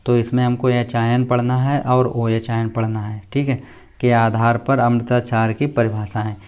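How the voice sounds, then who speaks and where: A man's voice: mid-range voice, level tone, normal speed, a little mellow, clear, resonant tone. A man, a teacher explaining a school syllabus to students and often checking in with them as he goes. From India. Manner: plain explaining tone with frequent check-ins.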